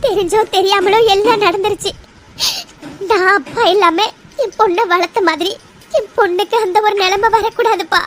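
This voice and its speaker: A woman's voice: very high voice, steady tone, normal speed, a little hiss or hum. A woman voicing a desperate mother who sobs and begs for her daughter's future in a cartoon. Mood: begging. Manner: sobbing, imploring. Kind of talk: cartoon voice acting.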